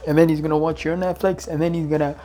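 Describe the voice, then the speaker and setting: A man's voice: fairly high pitch, little pitch movement, fast, dark tone, soft background music. A man co-hosting a podcast, reacting to stories in laid-back slang, calling people "bro" and chuckling. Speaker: podcast co-host.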